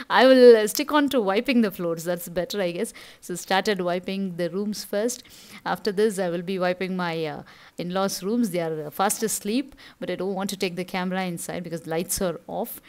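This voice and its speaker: A middle-aged woman speaks English with a Tamil accent at a medium pitch. She narrates a household vlog casually, explaining each small chore in a chatty, informal way. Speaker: home vlogger.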